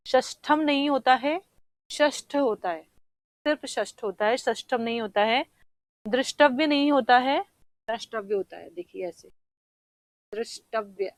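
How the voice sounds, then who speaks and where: A woman's voice: a little high, no room sound, rough recording. A woman teacher going through exam answers, explaining spelling patiently and often checking in with her students. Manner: sounds words out slowly to show the spelling. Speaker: Hindi teacher. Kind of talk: exam paper discussion.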